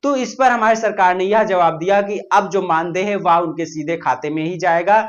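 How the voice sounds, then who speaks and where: A man's voice: sits high, moderate pace, dull audio. A man hosting a news channel, explaining news informally with hesitant fillers and restarts.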